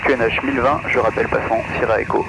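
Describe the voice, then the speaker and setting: A man's voice: medium pitch, fairly even intonation, quick pace. A man flying a small plane, making procedural radio calls and talking through his steps over a pilot headset. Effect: heard over a pilot headset intercom. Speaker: private pilot flying solo. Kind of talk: aviation radio calls and cockpit self-talk. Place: small plane cockpit in flight. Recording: loud aircraft engine noise, cockpit radio.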